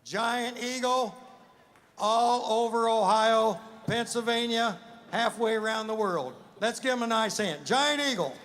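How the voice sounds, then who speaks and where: A man working as a livestock auctioneer, rattling off bids in a rhythmic chant and breaking into loud calls. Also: very high voice, measured pace. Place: fairground show ring with a crowd.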